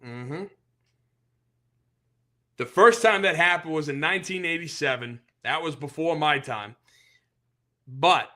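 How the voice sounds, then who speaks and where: Sports podcast guy ranting as a fan, kinda high voice, takes his time. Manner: animated, opinionated fan rant. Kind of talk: casual sports talk.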